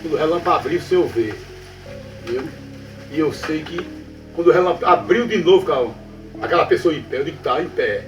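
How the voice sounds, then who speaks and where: Animated and a little fast, with frequent pauses, a fairly high-pitched man tells a ghost story to a listener. He hails from the Brazilian Northeast backlands and speaks with its accent. Telling it as a folk tale, he repeats phrases and often checks that the listener is with him, recorded on a distant mic with roomy sound and faint music.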